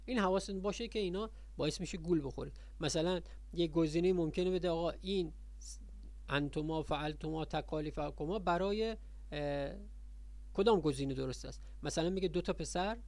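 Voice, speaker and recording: A man's voice: on the high side, creaky, darkish tone, no echo. A man teaching a grammar lesson in a Persian accent, repeating points and quizzing his students as he explains. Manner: repetitive, quizzing the viewers.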